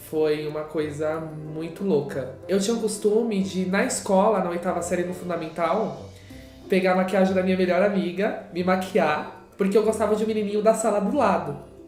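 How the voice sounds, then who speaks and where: A young man in his late teens telling his personal story slowly and with emotion. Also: high-pitched, darkish tone, reverberant. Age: young adult. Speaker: interviewee. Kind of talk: personal testimony.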